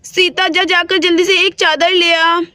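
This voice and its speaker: A woman's voice: very high voice, flat delivery, a little slow, pushed and bright, no room sound, studio quality, exaggerated voice. Woman doing a firm old village midwife. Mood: firm calm. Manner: soothing and commanding. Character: older village midwife aunt, calm and firm.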